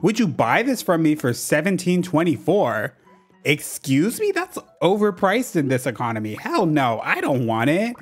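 Sarcastic young-sounding gaming host. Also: male voice, fairly high pitch. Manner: sarcastic, playful, joking at the characters. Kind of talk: let's play commentary. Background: faint game music.

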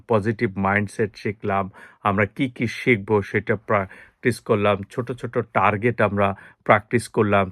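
A man teaches English tips in a plain, steady voice. He explains point by point and repeats key phrases, recorded close in a dry room. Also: fairly low pitch, no echo. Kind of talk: spoken English lesson in Bengali.

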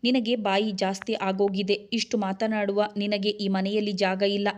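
Harsh, scolding husband , read flatly by a woman narrator; storybook role. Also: medium pitch, normal speed, close to an everyday voice. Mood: angry scolding. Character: angry scornful young husband, man.

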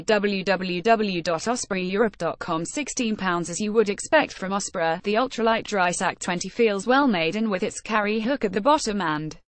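A woman gives a scripted narration of a product review at a middle pitch. She reads ratings and web addresses word for word. The recording is dry and close, with no room sound. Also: no echo.

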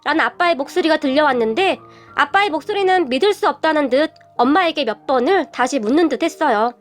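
A woman narrating a dramatic first-person story at a steady, polite pace. Her voice sits high, and faint background music runs under the reading. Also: a little fast.

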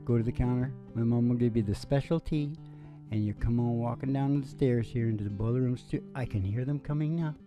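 Standing at a microphone in a small curtained room with low light, a middle-aged man runs a music and comedy show. He speaks at medium pitch in relaxed, wandering, playful patter sprinkled with joking asides while someone strums an acoustic guitar behind him.

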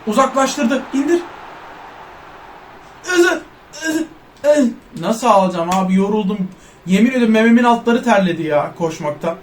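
A man giving loud, excitable gameplay commentary, joking in first person as an overweight footballer and cursing at his teammates. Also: high voice, normal speed, pauses often, a little hiss or hum. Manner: loud, excitable, trash-talks and curses at teammates. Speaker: gaming YouTuber.

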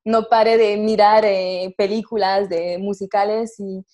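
A young woman from France speaking Spanish as a second language with a French accent, answering interview questions over a video call in a lively way, often restarting her words. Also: mid-range voice, measured pace. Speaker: guest performer. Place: home room with red sofa. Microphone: earphone headset on video call.

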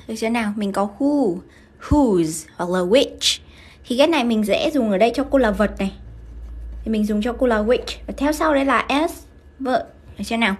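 Vietnamese woman, English teacher on a livestream, high voice, brisk questioning delivery. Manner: brisk, keeps asking students to confirm. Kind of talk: live-streamed grammar lesson.

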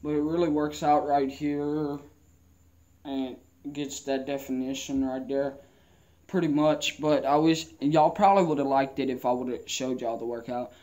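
A man's voice: mid-range voice, steady tone, unhurried, darkish tone. A young man chatting casually in a rambling vlog, his speech slightly muffled by a lip full of dipping tobacco. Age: young adult. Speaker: vlogger. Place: mostly inside a wooden garage or shed with an open door. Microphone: camera at arm's length.

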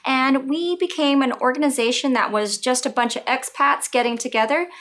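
A woman's voice: sits high, moderate pace, fairly bright tone. A young woman, co-director of a community theatre group, introducing the company and its sponsors in a friendly, matter-of-fact way. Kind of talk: scripted introduction to a streamed play.

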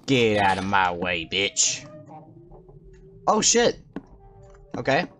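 A man's voice: on the low side, wildly swooping pitch, slow pace, a bit bright. A man giving casual, sweary game commentary in slangy language as he plays. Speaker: gaming video host.

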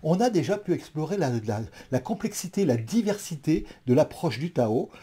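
Dark husky-voiced man lecturing. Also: fairly high pitch, big pitch swings, moderate pace. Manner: thoughtful, many hesitations and restarts. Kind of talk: explanatory talk to an audience.

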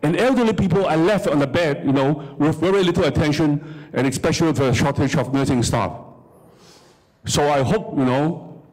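Guy at a conference mic, kinda high voice, fired up, asking "you know what they do?" type questions. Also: normal speed, a little mellow, low-quality recording. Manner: emphatic, rhetorical questions, critical. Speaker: audience member commenting. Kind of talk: impassioned comment from the floor. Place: large conference hall. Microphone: handheld microphone.

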